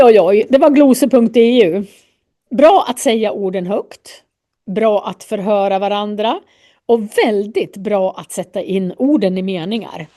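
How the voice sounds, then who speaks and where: Calm mellow-voiced woman teaching Swedish. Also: mid-range voice. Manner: demonstrates sounds by repeating them. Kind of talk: language lesson.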